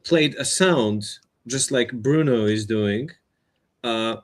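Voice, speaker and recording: A man's voice: medium pitch, takes it slowly. A man co-hosting a podcast, talking through ideas casually in a thoughtful, hesitant way. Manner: thoughtful, hesitant, many restarts. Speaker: podcast co-host. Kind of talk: casual chat.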